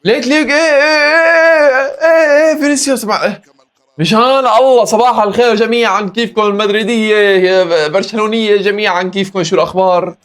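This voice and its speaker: Hoarse levantine guy reacting live to a football match, fast and high, groaning at every chance. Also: steady tone, a bit bright. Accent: Levantine Arabic. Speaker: football reaction video host.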